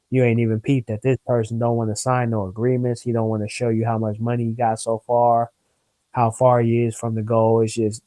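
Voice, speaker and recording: A man's voice: medium pitch, warm tone, dry recording, rough recording. A young man in a casual talk, earnest and preachy, rambling a little and using plenty of slang. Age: young adult. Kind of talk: casual discussion.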